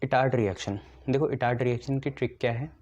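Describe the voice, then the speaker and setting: A man's voice: medium pitch, steady tone, fast, a little mellow, slight background noise. A male chemistry teacher giving a lesson and building memory tricks step by step, often asking his own questions and answering them. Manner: explains step by step, often checks "ठीक है". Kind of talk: classroom lecture with memory tricks. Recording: dull lo-fi recording.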